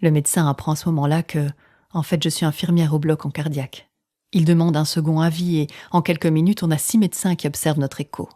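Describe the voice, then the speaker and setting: A woman telling an intimate personal story in the first person, using dramatic pauses, sometimes dropping close to a whisper and acting out what others said. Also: deep voice, flat delivery, warm tone, no room sound.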